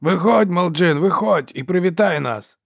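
A man's voice: on the high side, no echo, studio quality, voice pushed up. A man doing a taunting sing-song hunter. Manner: loud, teasing, drawn-out calls.

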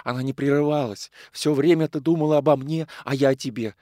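Figure: a desperate, hot-tempered young man as a male reader voices him. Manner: loud, pleading, high-pitched. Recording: dry, close. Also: brisk, dry recording, natural voice. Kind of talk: audiobook character reading.

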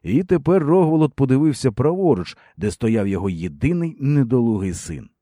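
A male audiobook narrator telling a historical novel in a measured, expressive way. His tone is dark and mellow, and his pitch moves freely. The sound is dry and close. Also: dry recording.

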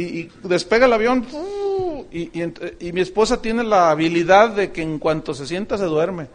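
Man, middle-aged pastor, high voice, animated storytelling sermon with humor.

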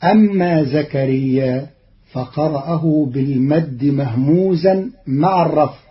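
Slow, formal man on old radio. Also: on the high side, slight background noise. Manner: measured, deliberate and formal. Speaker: radio presenter explaining Quran readings. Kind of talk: scripted radio explanation. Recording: dull lo-fi radio archive.

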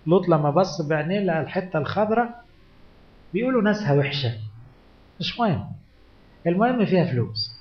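A man's voice: sits high, animated, fast, long pauses. A male priest with an Egyptian Arabic accent delivers a sermon at a conference, pressing his listeners with rhetorical questions and retelling scripture dramatically. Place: conference hall. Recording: echoey hall, dull lo-fi conference tape.

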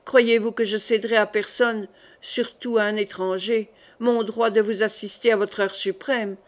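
A woman's voice: medium pitch, fairly even intonation, moderate pace, natural voice. A woman reading the part of a scheming queen mother, haughty and insistent. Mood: defiant.

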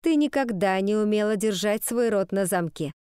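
A woman reading the part of a cruel, scheming schoolmistress who speaks slowly through clenched teeth. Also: mid-range voice, lively intonation, a little mellow, smooth, no echo, studio quality, lightly acted. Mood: menacing.

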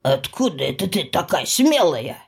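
A woman voicing a clumsy, sheepish male werewolf in an audiobook, with a low growling mutter. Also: big pitch swings, normal speed, gravelly, slightly rough, exaggerated voice. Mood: grumbling. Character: awkward male werewolf, gruff but timid. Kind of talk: audiobook character voice.

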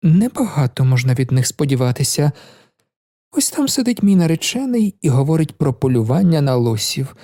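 A man's voice: a little high, very animated, moderate pace, warm tone, no room sound, clean studio sound. A man reading a novel aloud, voicing a proud, cold young woman in a raised voice with a cool, mocking manner.

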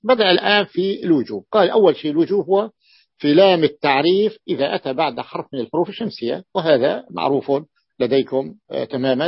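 A male teacher with a husky, slightly raised voice walks his students through a text. He repeats each example slowly and draws the words out. The recording is dull and bone-dry. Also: a little high, no room sound. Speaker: teacher of Arabic morphology. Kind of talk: classroom explanation of a text.

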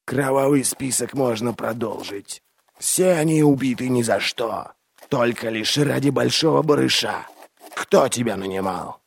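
A man's voice: mid-range voice, gravelly, breathy edge, dry recording. Man doing a cold, stern crippled inquisitor. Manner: slow, cold, deliberate questioning.

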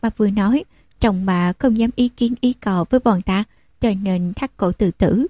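A woman voicing a cool, sharp young noblewoman who speaks with calm command. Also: mid-range voice, normal speed, no room sound, natural voice.

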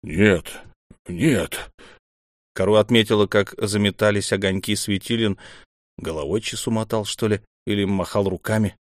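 A man reading an audiobook in measured, even scripted narration. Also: fairly low pitch, dry recording, studio quality.

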